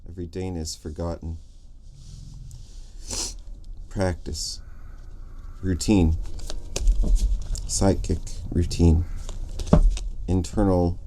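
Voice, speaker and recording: A man with a very low voice gives an unhurried, meditative tarot reading. His thoughts wander, and he pauses often before finishing them. A clear hiss of noise sits under the recording. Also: level tone. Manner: musing, drifting, pauses mid-thought. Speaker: tarot reader. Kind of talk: slow, reflective tarot reading.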